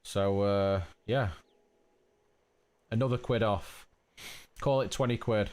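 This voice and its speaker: A man's voice: fairly low pitch, steady tone, slow, a little mellow, clean tone. A man in his thirties with a nasal voice, chatting casually to viewers during a game stream. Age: 30s. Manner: rambling, chatty, talks to chat as mate. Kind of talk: casual live-stream chat.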